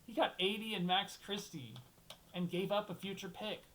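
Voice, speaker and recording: A man's voice: high voice, normal speed, a bit bright, a little hiss or hum, rough recording. A young man hosting a solo basketball talk show, rambling and thinking aloud, restarting sentences and swearing casually.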